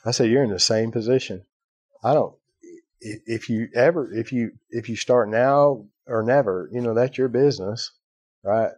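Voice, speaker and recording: Here the Irish podcast host has a mid-range, slightly rough, a little mellow voice at normal speed, with no echo. He tells his story casually, wandering into asides, dropping "right?" as a filler and acting out what others said.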